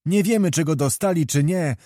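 A man's voice: fairly high pitch, normal speed, dark tone, dry recording, studio quality, voice pushed up, natural voice. A man voicing a frantic fleeing peasant. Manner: urgent, pleading, raised voice. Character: frightened peasant man fleeing a burning town.

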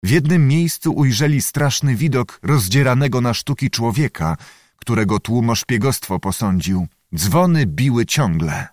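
A man narrating a historical novel as an audiobook, in a measured, solemn reading. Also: mid-range voice, animated, a little mellow, no room sound, clean studio sound.

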